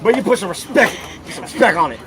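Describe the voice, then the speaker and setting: A man with a high, sing-song voice talks fast over noisy outdoor crowd chatter. Performing an improvised comic sketch, he plays a boastful, rambling old grandpa inventor who keeps calling everyone "son" and "whippersnapper."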